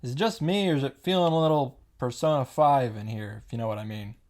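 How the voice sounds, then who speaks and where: A man hosting a visual novel reaction and summary series recaps a story, reading the narration dramatically and adding wry commentary of his own. His voice is medium-pitched and quick, with music in the background.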